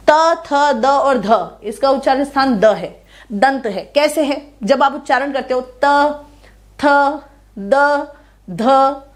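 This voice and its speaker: A woman teaching an online grammar lesson, patiently explaining and often asking the students whether they have understood. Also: high-pitched. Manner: explains patiently, checks understanding with repeated questions; recites sounds slowly one by one. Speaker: online tutor.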